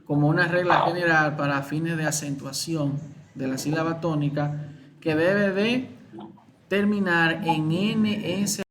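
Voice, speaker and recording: A male teacher with a Dominican accent, explaining exam answers to his students slowly, repeating key words and asking questions. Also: on the high side, a bit bright, slight background noise. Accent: Dominican Spanish. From Dominican Republic.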